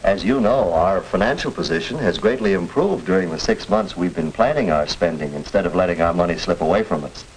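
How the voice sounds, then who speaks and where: Formal film dad, deliberate, low-pitched, expressive intonation, 1940s stagey delivery, hissy old soundtrack. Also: male voice, low-quality recording. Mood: serious, concerned. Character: reasonable, measured middle-aged family father. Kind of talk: stagey scripted 1940s educational film acting.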